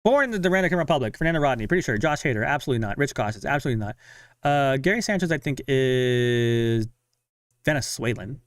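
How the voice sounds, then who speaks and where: A man's voice: mid-range voice, lively intonation, no room sound, studio quality. A young man chatting casually on a live stream while following a game, talking to himself and his viewers. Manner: chatty, self-talking, sighs of frustration and quick laughs.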